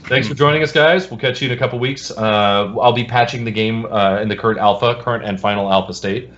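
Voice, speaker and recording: A man's voice: lowish voice, fast, fairly bright tone. A man, a game developer, chatting loosely and jokingly on a podcast. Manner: loose and rambling, jokey. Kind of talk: casual podcast chat. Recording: dull lo-fi recording.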